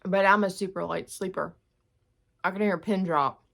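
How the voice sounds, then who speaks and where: A middle-aged woman with a mid-range, slightly bright voice and vocal fry talks at normal speed with fairly even intonation. She's eating on camera in a casual mukbang, chewing loudly and often speaking with a full mouth as she discusses a news story.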